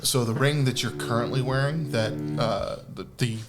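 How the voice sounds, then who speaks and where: A man's voice: medium pitch, fairly even intonation, normal speed. A man narrating as game master of a tabletop game, rambling and restarting, full of "like". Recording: background music.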